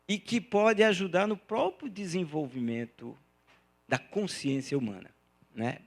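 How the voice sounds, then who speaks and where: A man, an arts educator giving an animated talk to educators, chanting folk rhythms and often ending phrases with a quick tag question. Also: sits high, gravelly.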